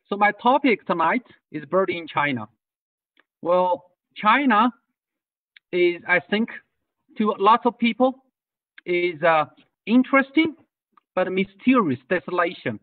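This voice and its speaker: A man's voice: high-pitched, dry recording, recorded from a distance. A man from Tibet giving an online lecture on birding tours, hesitant, with many fillers and restarts, heard over a video call. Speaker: guest speaker on birding tours. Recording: tinny video call audio, set back from the mic.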